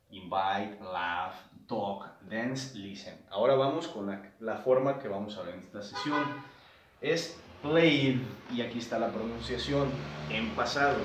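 Man, teacher drilling kids slowly, distant in a roomy space. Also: fairly low pitch. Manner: slow, repetitive drilling of words. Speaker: English teacher. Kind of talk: classroom lesson for children.

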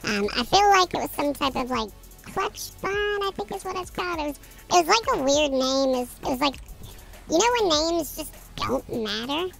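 A gaming streamer putting on a chipmunk voice, very high and squeaky, as he rambles and teases with stop-start restarts. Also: expressive, moderate pace, vocal fry, fairly bright tone, soft background music, heavily acted. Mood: mocking. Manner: rambling, teasing, restarts mid-sentence. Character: squeaky chipmunk-voiced mocking character, male.

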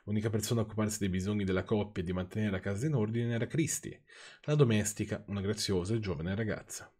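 A man's voice: fairly low pitch, quick pace, darkish tone. A man with an Italian accent reading viewers' stories aloud, breaking off for dry, sarcastic asides. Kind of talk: reading aloud with off-the-cuff commentary.

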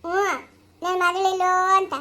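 A woman's voice: very high voice, monotone, moderate pace, sharp tone. A woman playing a simple-minded young daughter who lisps and pleads earnestly in a family skit. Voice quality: lisping, childlike speech.

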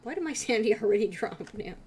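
A woman's voice: on the high side, expressive, fast talker, darkish tone, slight background noise. A woman chatting casually and teasingly while playing a video game. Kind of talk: casual gaming chat.

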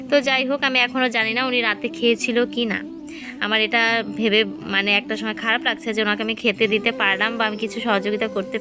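A woman vlogging casually on a handheld phone, chatting straight to her viewers as friends. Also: on the high side. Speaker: lifestyle vlogger. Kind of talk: casual vlog narration. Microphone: handheld phone camera.

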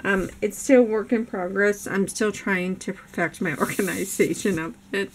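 In a noisy home recording, an older woman speaks at medium pitch and a moderate pace as she shows her craft haul, the camera positioned above her table. She's a chatty, enthusiastic crafting vlogger who laughs frequently, even as her voice gives out.

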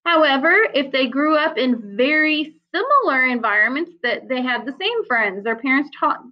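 A woman's voice: sits high, animated, normal speed. A woman teacher giving a recorded psychology lecture, explaining in a conversational way with frequent fillers. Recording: slightly dull lo-fi sound.

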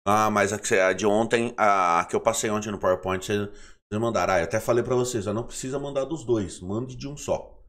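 A man's voice: lowish voice, fairly quick, fairly bright tone. Sleepy, playful Brazilian man teaching live. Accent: Brazilian Portuguese. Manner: playful, chatty, greets viewers by name. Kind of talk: casual live online class.

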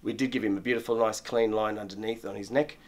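A man's voice: fairly low pitch, steady tone, quick pace. A middle-aged man, a barber, explaining a trim and shave step by step as he works, often restarting and repeating words, in a barber shop. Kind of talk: step-by-step grooming demonstration.

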